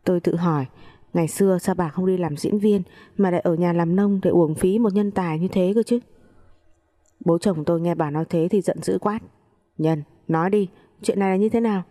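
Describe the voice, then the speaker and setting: A woman reading a first-person family story aloud in a calm, wry way. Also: on the low side, a little fast. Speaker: narrator.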